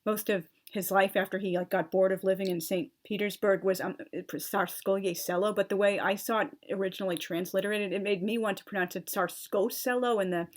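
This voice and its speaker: A woman with a mid-range voice talks her way through a casual, opinionated monologue. She is chatty and exasperated in places, often pausing on fillers and restarting her sentences. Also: medium pitch, fairly even intonation. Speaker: channel host.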